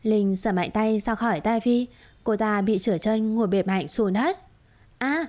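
A woman reading a romance drama story aloud in a steady, dramatic storytelling manner. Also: medium pitch, normal speed. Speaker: narrator. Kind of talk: scripted story narration.

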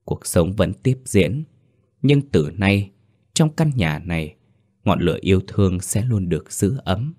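A man narrating a written story in a slow, solemn way. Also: deep voice, lively intonation, mellow, dry recording, clean studio sound. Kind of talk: scripted ghost-story narration.

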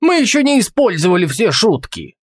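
A man's voice: medium pitch, big pitch swings, normal speed, no room sound, studio quality, lightly acted. A man doing a taunting one-eyed thug. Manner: shouting across distance, taunting. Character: one-eyed male thug, mocking and threatening.

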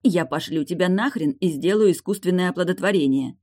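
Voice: mid-range voice, a little fast, a little mellow, pitched above the performer's own voice, natural voice. A reader voicing a defiant young woman in a hospital bed who answers sharply in an audiobook. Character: woman, defiant, frightened patient.

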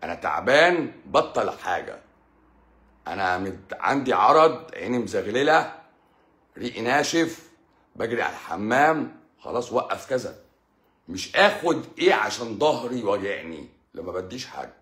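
Lively Egyptian man, roomy echo. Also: on the low side, moderate pace. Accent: Egyptian Arabic. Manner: teasing, sarcastic, lively explaining. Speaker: doctor hosting a live stream. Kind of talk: casual live Q&A answering viewers.

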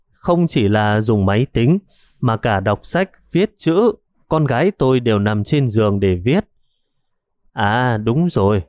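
A man's voice: medium pitch, a little mellow, no echo, clean studio sound, natural voice. A man voicing a frightened elderly mother who stammers and hesitates, in an audiobook story.

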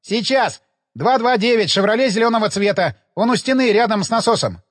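A man reading an audiobook, voicing a gruff, mocking male desk sergeant in a raised, higher voice. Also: expressive, a little fast. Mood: hurried.

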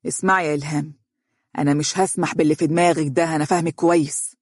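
A man's voice: on the high side, fairly even intonation, rapid-fire, no room sound, studio quality. A man playing a jealous, mocking Egyptian engineer. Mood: resentful. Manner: resentful, mocking. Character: jealous, angry male engineer, adult. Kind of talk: audiobook character reading.

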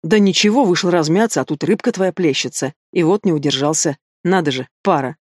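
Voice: a little fast, dry recording, close to an everyday voice. Big rowdy demon who won't quit joking, as an audiobook reader puts him on, dry booth sound. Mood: boastful. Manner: booming, roaring with laughter. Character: loud brash winged male demon, boisterous, teasing. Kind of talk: audiobook character voice.

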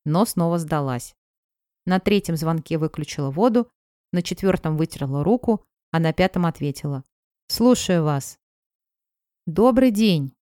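A woman's voice: low-pitched, normal speed, a little mellow, clean tone, dry recording, studio quality. A woman narrating a first-person audiobook in a conversational storytelling manner.

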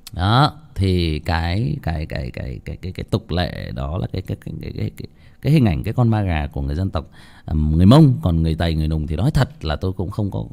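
A man's voice: on the low side, creaky, warm tone. A man telling a ghost story in a casual, rambling way, with many restarts and repeated words, speaking straight to his listeners.

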